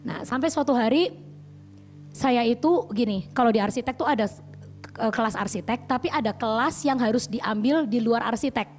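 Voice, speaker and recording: A woman evangelist with a fairly high voice gives a testimony sermon at a youth service. She tells her story vividly, acting out her own panic and prayers, and keeps asking the listeners questions. Soft music plays faintly behind her. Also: moderate pace. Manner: addresses listeners directly with questions.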